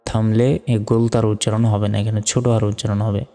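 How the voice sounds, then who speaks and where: A man with a Bangladeshi Bengali accent teaching Quran reading, spelling out each letter slowly and methodically. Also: fairly low pitch, flat delivery, mellow. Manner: slow, methodical letter-by-letter spelling with drawn-out recitation. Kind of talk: spelling-out recitation lesson. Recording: long reverb with faint music.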